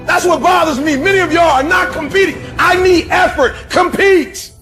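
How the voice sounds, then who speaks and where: A man delivers a blunt, emphatic motivational talk in a lower, gritty voice. Profanity punctuates his points over soft background music. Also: normal speed. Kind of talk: motivational speech.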